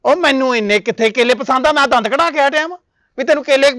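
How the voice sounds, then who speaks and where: A man's voice: extremely high pitch, fast, bright, forceful tone, no echo. A man with a Punjabi accent acting in a comedy sketch, scolding and indignant, stammering when flustered. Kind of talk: comic sketch dialogue.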